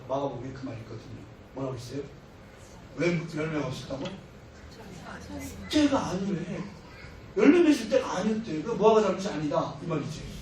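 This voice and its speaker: This sermon features a middle-aged missionary speaker with a slightly high voice who tells stories with humor and acts out people's words. It was recorded from far off in an echoey church hall, with slight background noise.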